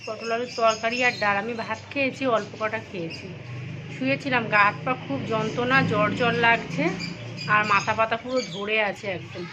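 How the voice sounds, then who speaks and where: A woman, hoarse from a cold, chatting casually and tiredly through a daily vlog. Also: fairly high pitch, noisy background. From India. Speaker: vlogger.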